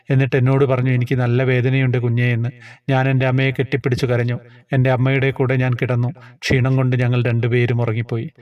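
A man calmly and earnestly reading out a devotional personal story. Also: medium pitch. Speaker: narrator reading a submitted story.

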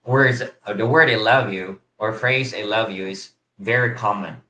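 A man's voice: on the low side, unhurried, pushed and bright, slight background noise, poor audio. A man in his thirties from the Philippines with a Filipino accent, reading viewer comments and answering on a casual livestream. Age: 30s. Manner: hesitant, many fillers and restarts. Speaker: co-host. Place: small bedroom at home, indoors.

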